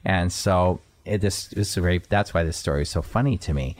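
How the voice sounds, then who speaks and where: A man's voice: deep voice, fairly quick. A middle-aged man from California hosting a health talk show, chatting loosely with fillers and restarts between read passages. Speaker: radio health show host. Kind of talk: casual chat and reading health info.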